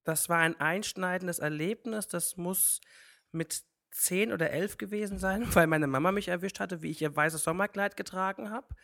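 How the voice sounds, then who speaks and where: A man's voice: sits high, moderate pace, vocal fry, a bit bright. A man in his twenties, a drag artist, answering interview questions in a witty, wordplaying way. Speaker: drag artist, civil servant.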